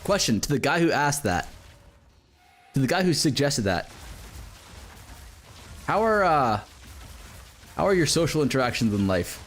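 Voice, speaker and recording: A man's voice: on the high side, sing-song, a little slow, pauses often, faint music behind. A man streaming a game live, chatting casually, cursing and joking while he reads out chat messages.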